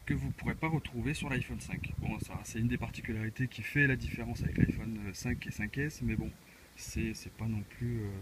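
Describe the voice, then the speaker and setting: Heavy background noise surrounds a mid-range male voice. He's a tech reviewer with a cold, walking through an unboxing in a casual, hesitant way with lots of filler sounds.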